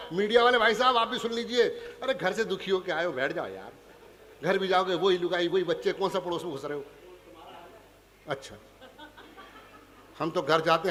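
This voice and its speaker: A man's voice: high-pitched, pushed and bright, in a large hall. A man from Punjab performing stage comedy at a poetry gathering, teasing the audience in a chatty way. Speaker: stand-up comic poet. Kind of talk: hasya kavi sammelan stage comedy.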